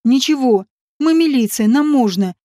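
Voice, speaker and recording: A woman voicing a brash, bossy male police officer in an audiobook, with a gruff, mocking manner. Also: high-pitched, expressive, normal speed, dark tone, no room sound, clean studio sound.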